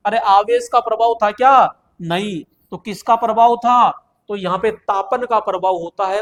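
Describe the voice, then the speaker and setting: Man with a high voice as a coaching teacher. Exam-prep lecture, chatty, repeats himself. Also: a bit bright. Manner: chatty, asks students questions and answers them himself; repeats phrases for emphasis.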